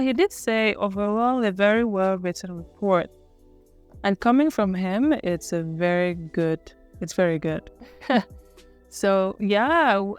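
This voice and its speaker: Smooth-voiced young woman from Cameroon. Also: medium pitch, a little mellow. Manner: earnest, musing, self-correcting. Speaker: vlogger. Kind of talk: casual reflective storytelling.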